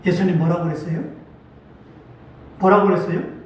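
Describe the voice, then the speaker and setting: A man's voice: high-pitched, steady tone, moderate pace. A male pastor preaching a sermon. He asks the congregation rhetorical questions and acts out quoted speech with rising emphasis. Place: church sanctuary. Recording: very echoey church hall, mic at a distance.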